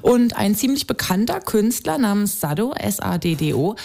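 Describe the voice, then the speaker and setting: A woman reporter recounts her visit in a loose, chatty way, with plenty of fillers. Her voice carries a strong gravelly fry. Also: mid-range voice, very animated, normal speed, darkish tone. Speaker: radio reporter. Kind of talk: radio field report in studio.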